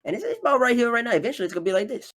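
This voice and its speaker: A confident, boastful man talking rapidly as a guest on a casual esports podcast. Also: extremely high pitch, wildly swooping pitch, a bit bright. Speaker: guest analyst.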